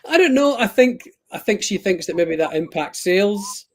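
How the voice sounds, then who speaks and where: A Scottish man, a guest author on a video call, chats casually during a live stream in a high-pitched, expressive voice at normal speed. He rambles and is self-deprecating, with lots of ums and restarts.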